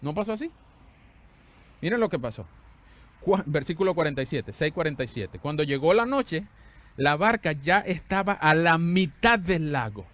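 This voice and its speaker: Male pastor, slightly high-pitched, animated sermon delivery that swings from exclamations to hushed lines. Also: moderate pace. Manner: conversational, asks the congregation questions.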